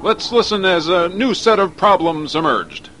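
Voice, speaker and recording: A man's voice: high-pitched, moderate pace, bright, forceful tone, a little hiss or hum, poor audio. A man giving an earnest, mock-serious sports news report as announcer.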